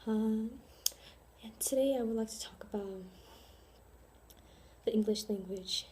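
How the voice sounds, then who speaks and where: A young American woman presents to her class in an earnest, halting way, filling pauses with ums and spelling words out letter by letter. Her voice is mellow and soft-edged. A faint hiss sits under the recording. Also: fairly high pitch. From born in South Korea, raised in Chicago. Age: young adult. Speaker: student presenter.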